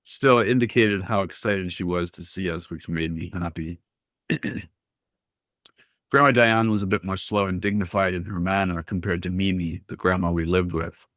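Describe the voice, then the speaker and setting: A man reading a first-person story aloud in a steady, even manner. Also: low-pitched, normal speed, no echo, clean studio sound. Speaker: audiobook reader. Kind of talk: scripted first-person narration.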